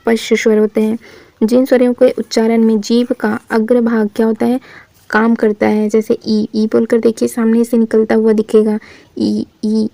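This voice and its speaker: A woman teaching Hindi grammar in a classroom style, asking questions and answering them herself and sounding out vowels slowly for the listener. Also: fairly high pitch, gravelly, dark tone, dry recording. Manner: asks the class questions then answers them, says "thik hai" often.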